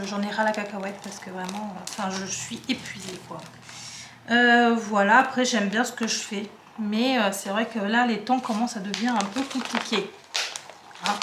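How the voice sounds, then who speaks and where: Sorting her craft materials at home, a young Frenchwoman in her twenties from the Paris suburbs talks in a loose, rambling, chatty way and keeps breaking off mid-thought as a craft vlogger. Her voice is fairly high. The audio is reverberant and carries background noise.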